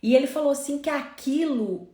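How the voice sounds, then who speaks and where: A woman's voice: sits high, normal speed, dark tone, echoey room. A woman preaching a sermon to mothers, telling family stories in an earnest way. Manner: earnest storytelling, voicing family members in quotes. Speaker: preacher at a mothers' prayer meeting.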